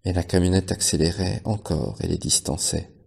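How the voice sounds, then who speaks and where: A man with a very low voice reads a story aloud as a librarian would. His narration is steady and measured, taking the text at an even pace. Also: gravelly, breathy edge. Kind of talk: audiobook narration.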